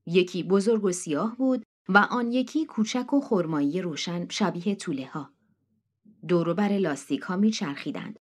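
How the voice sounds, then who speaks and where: Brief: female audiobook narrator, even, measured storytelling delivery. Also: fairly low pitch. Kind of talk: audiobook reading of a short story.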